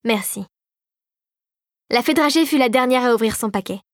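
Calm woman narrating a storybook. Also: high-pitched, quick pace, dry recording, studio quality. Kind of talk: audiobook narration.

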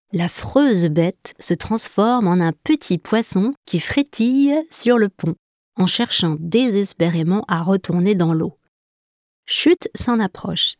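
A woman's voice: darkish tone, no echo, clean studio sound. A woman narrating a children's story in a playful way, breaking into animal sounds. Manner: playful, imitates animal sounds with high squeaks.

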